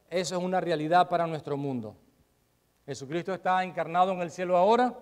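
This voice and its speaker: A male pastor delivers a sermon in a somewhat high voice, alternating between loud emphasis and quiet asides while putting rhetorical questions to the congregation.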